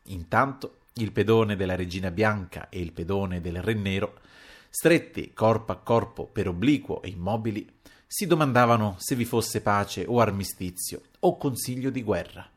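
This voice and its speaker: Low-voiced man reading a classic novel. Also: moderate pace. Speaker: audiobook narrator. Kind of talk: literary audiobook narration.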